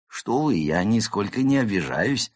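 A man voicing a proud male koala spy who talks slowly and sounds pleased with himself. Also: fairly low pitch, sing-song, dry recording, clean studio sound, pitched above the performer's own voice. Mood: smug. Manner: slow, drawn-out, self-satisfied. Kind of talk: audiobook character voice.

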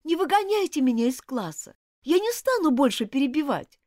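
A woman doing a high, pleading young schoolgirl. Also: very animated, normal speed, a little mellow, no room sound, clean studio sound. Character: earnest, flustered young schoolgirl. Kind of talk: audiobook character voice.

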